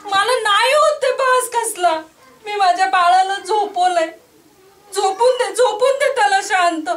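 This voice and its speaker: A woman playing a young mother crazed by grief, hushed and fragile as she lulls an empty cradle. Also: extremely high pitch, unhurried, echoey room, recorded from a distance.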